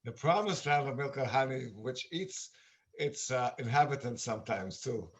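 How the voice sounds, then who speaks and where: An older man from Israel, now a musician, talking earnestly and haltingly with many fillers on a video call. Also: medium pitch, lively intonation. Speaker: musician and meditation guest. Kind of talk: casual video-call chat. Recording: dull lo-fi video-call audio.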